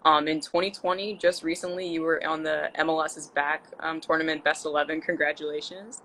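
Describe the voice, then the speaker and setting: A woman's voice: deep voice, fairly even intonation, a little fast, fairly bright tone, slight background noise, low-quality recording. A woman in her twenties from Central Maryland, hosting a casual live video interview and chatting encouragingly with her guest. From Central Maryland, USA. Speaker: host.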